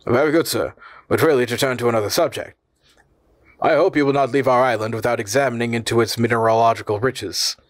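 In a storybook reading, a man plays a courteous, learned professor who is proud of his country, speaking formally, earnestly and eagerly. His natural voice is pitched a little above a typical male middle, with fairly even intonation and a fast pace, in a dry recording with no room sound.

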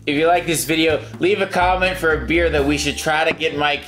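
A man's voice: fairly high pitch, fairly even intonation, fairly quick, a bit bright. A man hosting a casual chat, explaining things in a talkative way and laughing often. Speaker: host. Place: indoors in New York. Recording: echoey room with faint music.

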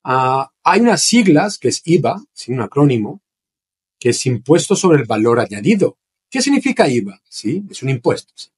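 Man teaching Spanish phrases, lively pitch. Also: normal speed, husky. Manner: explanatory, with many restarts and checking "¿sí?". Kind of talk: informal online language lesson. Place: home, streaming test with screen sharing. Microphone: computer mic on a streaming platform.

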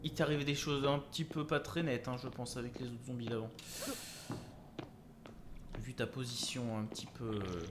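A man doing let's play commentary, swearing and shouting at the game, then muttering joking asides. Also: mid-range voice, fairly even intonation, moderate pace, long pauses, very noisy. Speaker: gaming YouTuber.

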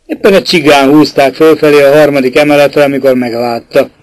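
A man narrating a literary audiobook, shifting his pitch to voice the characters in the dialogue. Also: fairly even intonation, no echo, low-quality recording.

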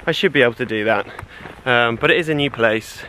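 Bright-voiced young man, relaxed vlog chat. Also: mid-range voice, a little fast, slight background noise. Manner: relaxed and rambling, self-deprecating. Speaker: vlogger, father. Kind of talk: casual travel vlog chat. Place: outdoors.

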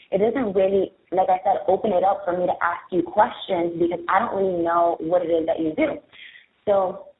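Answering interview questions, a young adult woman walks through branding advice one step at a time, speaking candidly in a Spanish-tinged New York Bronx accent. Her voice sits lowish, with an echoey room and thin, phone-like sound quality.

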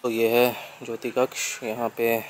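A man's voice: medium pitch, monotone, measured pace, a little hiss or hum. A young man, a travel vlogger walking outdoors through a temple site and talking to his viewers, mixing in English words. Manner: friendly, addresses viewers as friends, mixes English words. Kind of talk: travel vlog narration. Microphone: handheld camera mic.

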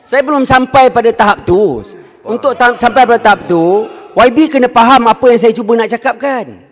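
A man's voice: very high-pitched, normal speed. A man with a Malaysian accent, a deputy minister answering questions in a parliamentary debate, insistent and mixing in English phrases. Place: large parliament chamber. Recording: long chamber reverb.

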